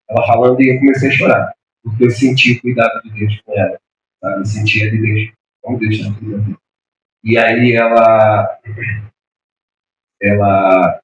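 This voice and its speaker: A male pastor delivering an impassioned sermon, telling a story and climbing to shouted peaks, recorded in a church. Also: medium pitch, echoey room, recorded from a distance, a little hiss or hum, low-quality recording. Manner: impassioned preaching, voice rising to shouts. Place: church hall.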